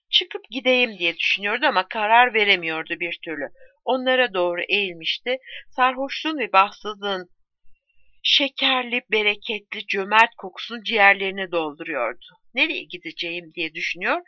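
A woman reads a novel aloud in a measured, even narration. Her voice sits at a middle pitch. The recording is dry and a little dull in the highs. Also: no room sound. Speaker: audiobook narrator.

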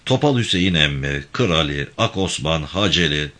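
Deep-voiced guy reading a village story, lively pitch, bright tone. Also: normal speed. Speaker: narrator.

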